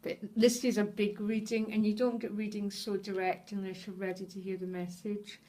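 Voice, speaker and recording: A woman reads tarot cards for her viewers in an earnest, heartfelt way. She is openly moved as she speaks and keeps checking in with them as she goes. Her voice sits at an everyday middle pitch. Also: little pitch movement, normal speed, dark tone. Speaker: tarot reader. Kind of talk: tarot reading addressed to viewers.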